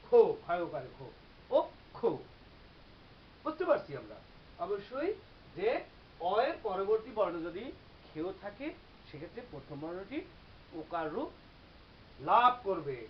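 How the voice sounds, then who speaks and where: Lively teacher explaining pronunciation. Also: mid-range voice. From Bangladesh. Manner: explains step by step, repeating example words slowly. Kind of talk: classroom-style grammar lecture. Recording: slightly dull recording with faint hiss.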